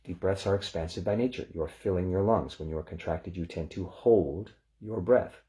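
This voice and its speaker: Male relaxation guide, very low and mellow voice, calm and unhurried. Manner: calm, unhurried, gently instructive. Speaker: relaxation session leader.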